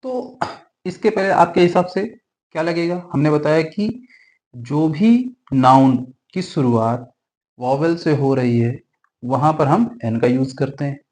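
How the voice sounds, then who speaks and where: A man's voice: a little high, slow pace, a little mellow, poor audio. A man teaching a grammar lesson, often asking a question and then answering it himself, and repeating the key rules. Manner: mixes Hindi with English grammar terms.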